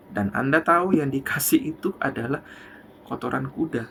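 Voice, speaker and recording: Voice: medium pitch, a bit bright, slight background noise. A preacher giving a sermon in a conversational way, telling an illustration story and often repeating and restarting phrases. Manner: conversational, repetitive, wandering between story and lesson.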